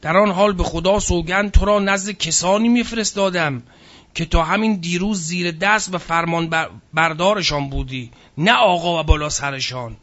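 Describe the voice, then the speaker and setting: A man's voice: high-pitched, fairly bright tone, muffled recording. A man giving a religious history lecture, reading passages aloud and adding casual spoken asides. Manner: reads from a book, then comments in casual speech.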